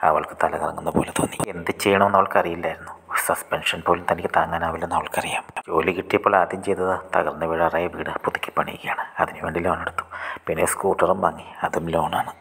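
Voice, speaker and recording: A man telling a short story in a hushed, half-whispered storytelling style. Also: low voice, little pitch movement, quick pace, gravelly, noisy background.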